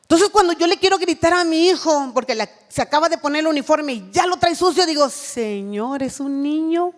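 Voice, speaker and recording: A woman's voice: extremely high pitch, fast talker, long reverb tail. A woman giving an earnest sermon at a women's church retreat, acting out what a mother says to her child.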